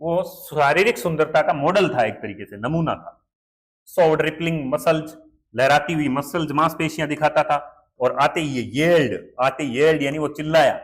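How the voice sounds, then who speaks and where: A man's voice: on the high side, normal speed. Hindi-speaking male teacher explaining vocabulary. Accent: Indian. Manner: explains word by word, asks and answers his own questions. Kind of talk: Hindi English lesson explaining a chapter.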